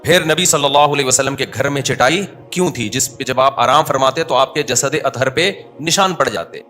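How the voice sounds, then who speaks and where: A man's voice: mid-range voice, fairly bright tone, soft background music. A man giving a conversational sermon in a mosque. He asks the crowd questions and answers them himself. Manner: scolds listeners who look away. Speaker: mufti giving a mosque lecture.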